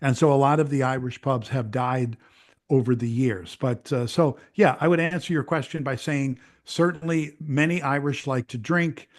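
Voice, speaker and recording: An older American man, a veteran news broadcaster, chatting as an interview guest, who talks in halting bursts with repeated words and restarts. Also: mid-range voice. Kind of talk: casual conversational interview.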